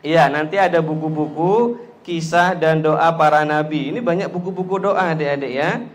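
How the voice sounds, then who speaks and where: A man's voice: a little high, fairly even intonation, moderate pace. A man giving a playful talk to a group of children, teasing them and leading call-and-response chants into a handheld microphone. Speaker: children's speaker. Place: school hall with children.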